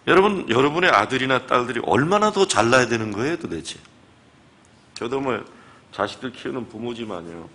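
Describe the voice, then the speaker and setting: Animated man preaching a revival sermon. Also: on the low side. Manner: animated storytelling, acting out conversations. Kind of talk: revival sermon with retold dialogue. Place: church sanctuary.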